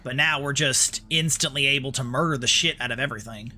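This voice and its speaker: A man from New York with an American accent does casual, sarcastic, sweary commentary as a game streamer. His voice is medium-pitched and sharp, and he talks fairly quickly.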